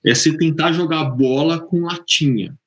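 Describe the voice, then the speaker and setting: A man's voice: a little high, moderate pace, fairly bright tone. A man with a Brazilian accent giving casual religious talk as a panelist, speaking informally and directly to the listeners. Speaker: panelist answering questions on faith.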